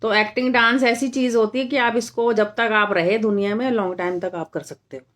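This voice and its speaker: A woman's voice: on the high side, fairly even intonation, fairly quick, fairly bright tone. A middle-aged woman from India hosting a casual live stream, talking straight to her viewers and firmly rebutting comments, repeating her points for emphasis.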